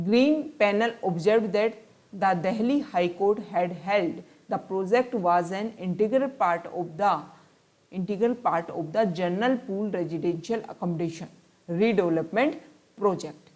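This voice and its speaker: A woman's voice: medium pitch, a little mellow. Woman tutor explaining newspaper stories. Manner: reads English passages slowly, then explains in Hindi; explanatory, repeats and rephrases points. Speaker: exam-prep tutor. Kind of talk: newspaper analysis lesson.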